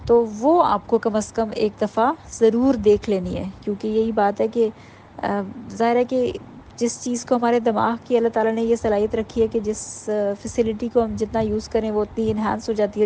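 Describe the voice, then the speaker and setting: A woman giving an informal workshop talk to mothers, explaining patiently and sounding out letters slowly. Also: a little high, warm tone, slight background noise, rough recording. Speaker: parenting workshop teacher.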